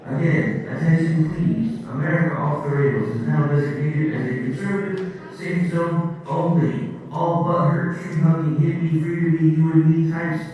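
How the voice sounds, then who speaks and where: A man's voice: a little high, steady tone, normal speed, muffled recording, faint music behind. Man announcing over an echoey intercom. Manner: formal, stern announcer delivery. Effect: over a public-address intercom. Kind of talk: mock public-address announcement. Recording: echoey loudspeaker heard from far off.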